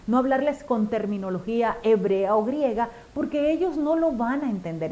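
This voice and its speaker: Expressive woman teaching storytelling. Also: on the high side. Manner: warm, expressive, addresses listener directly as friend. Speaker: storytelling teacher for church children's ministry. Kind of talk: instructional talk.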